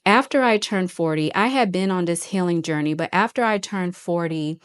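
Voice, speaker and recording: A host in her forties gives a personal motivational talk to viewers, earnest and reflective, often going back to repeat a phrase. Her voice is on the low side and clean-toned, at a moderate pace.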